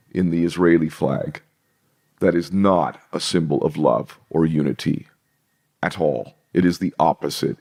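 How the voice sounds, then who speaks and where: A man's voice: low voice, gravelly, darkish tone. A man talking passionately as a podcast guest, emphatic and repetitive, with frequent swearing. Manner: emphatic, repeats himself, swears. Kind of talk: impassioned podcast interview talk.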